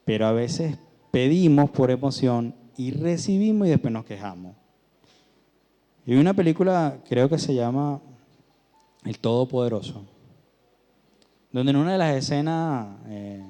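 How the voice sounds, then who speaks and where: A man's voice: mid-range voice, dark tone, in a large hall. A man giving a conversational sermon, telling stories and rising to emphatic peaks. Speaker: preacher.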